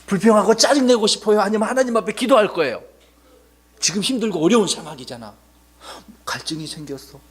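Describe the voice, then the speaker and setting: A male pastor giving a children's Sunday school sermon, animated, asking the children questions and calling on them by name. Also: high voice, fast.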